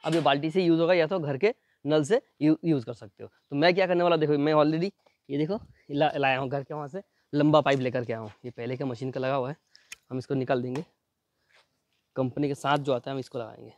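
A man doing a fast, chatty unboxing demo, pointing things out again and again as he shows each part. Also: a little high, steady tone, a little mellow. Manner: fast, chatty, repeats "ye dekho" constantly. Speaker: product reviewer. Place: at home near a building site.

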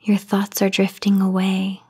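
A woman guides a sleep meditation, her medium-pitched voice soft, half-whispered, breathy and soothing. She goes slowly with long pauses between phrases, and her delivery is completely flat. There is only her voice, with no music or background noise.

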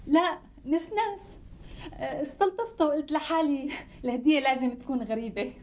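An actress playing a polite, apologetic young doctor who speaks with a Syrian Arabic accent in a TV sitcom. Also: female voice, high voice, a little fast, a little mellow, close to an everyday voice. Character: polite young female doctor, sheepish gift-giver. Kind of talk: TV sitcom acting.

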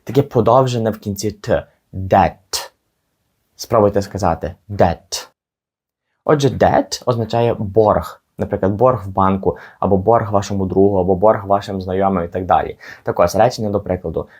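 A young man with a fairly low voice walks learners through English pronunciation. He explains patiently and repeats each word slowly so they can follow. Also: a little mellow, husky. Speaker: English teacher on his channel.

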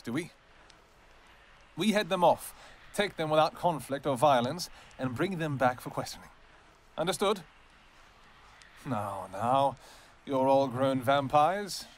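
In an audio roleplay, a man voices a devoted royal vampire king who is tender toward his wife and commanding toward his soldiers. His voice is mid-range.

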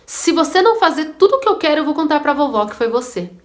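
A woman's voice: sits high, big pitch swings, fast. A woman voicing a bossy little girl who threatens and demands.

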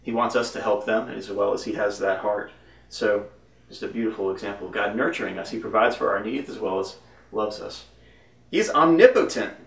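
A man's voice: fairly low pitch, fairly quick, creaky, a bit bright, distant mic. A man teaching devotionally from the Bible, reading verses aloud and commenting with emphatic bursts. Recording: roomy echo, voice from off-mic.

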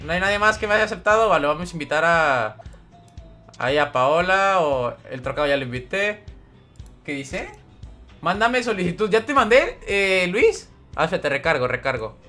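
Chatty high-voiced young streamer man. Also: big pitch swings, moderate pace, sharp tone, soft background music. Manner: chatty, greets viewers by name, reads chat aloud. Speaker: gaming streamer. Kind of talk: live game stream commentary.

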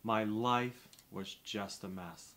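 A man's voice: on the low side, fairly even intonation, slow pace, a bit bright. A middle-aged man playing an earnest, grateful guest giving a confessional testimonial in a scripted parody infomercial.

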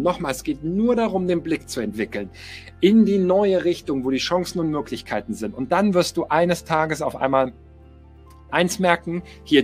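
A middle-aged man giving a motivational coaching talk, emphatic, repeating key phrases and speaking straight to the listener. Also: on the high side. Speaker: life coach.

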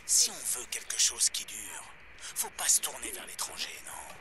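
An actor plays a preachy male radio show host in a video game, delivering a defiant rant heard as a fading shortwave broadcast with music in the background. His medium-pitched voice swings hugely in pitch at a normal speed.

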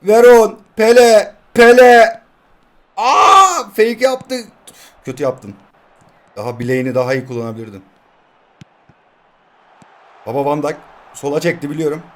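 A man in his twenties commentating his own mobile football match, swinging between shouting at his players and quiet muttering. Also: mid-range voice, very animated, moderate pace, long pauses. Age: 20s. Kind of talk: live gameplay commentary.

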